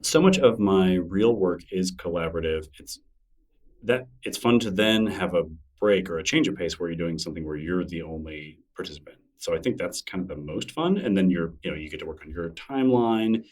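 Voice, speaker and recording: Sitting far from the mic, a middle-aged man talks briskly in a low, somewhat mellow voice. He's a guest in a casual interview, musing in a rambling way with plenty of fillers and restarts.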